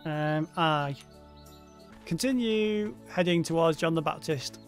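A man's voice: fairly high pitch, slow. A man hosting a let's play, commenting casually on the game with wry, offhand asides. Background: game music.

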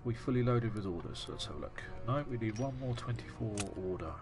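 A man's voice: mid-range voice, expressive, a little fast, music in the background. A man commenting live on his gameplay, joking with family and muttering through menus. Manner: chatty and joking, muttering to himself over menus. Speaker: gaming streamer and father.

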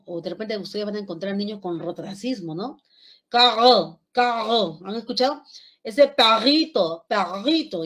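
Peruvian woman lecturing with frequent checks. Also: a little high. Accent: Peruvian Spanish (Lima). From Lima, Peru. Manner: explanatory, many checks like ¿ya? and ¿no?, demonstrates sounds aloud. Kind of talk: online class lecture.

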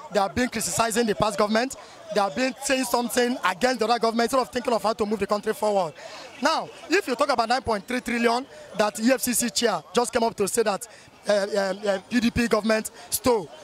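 A middle-aged man speaks with a strikingly high voice and a brisk, rushing pace. He pours out indignant rhetorical questions into a handheld mic on a city street outdoors. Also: fairly even intonation. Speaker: passer-by interviewed in the street. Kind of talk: street vox pop opinion. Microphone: handheld mic held by interviewer.

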